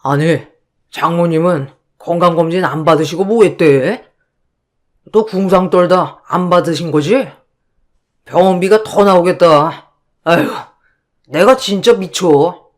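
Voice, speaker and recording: A woman's voice: fairly low pitch, unhurried, pauses often, natural voice. A woman voicing a selfish, callous middle-aged husband in a radio drama, grumbling and scornful. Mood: irritated.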